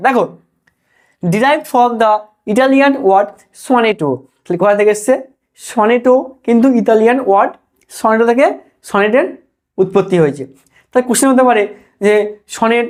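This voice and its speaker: A woman's voice: medium pitch, a little mellow. A woman teacher, giving an exam-prep literature lecture in a repetitive, explanatory way. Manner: repetitive, explanatory, keeps saying "look".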